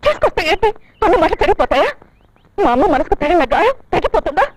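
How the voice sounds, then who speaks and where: A woman's voice: very high-pitched, very animated, quick pace, very noisy. An actress playing a proud young woman who defiantly defends her mother in film dialogue. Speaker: film character.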